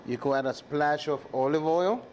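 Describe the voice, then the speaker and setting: Dominican-accented male chef, slightly high voice. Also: normal speed, darkish tone. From Dominican Republic. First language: Spanish. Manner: chatty, addresses viewers and crew directly. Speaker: chef hosting a live cooking class. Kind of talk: casual cooking demonstration. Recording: clear sizzling and kitchen noise.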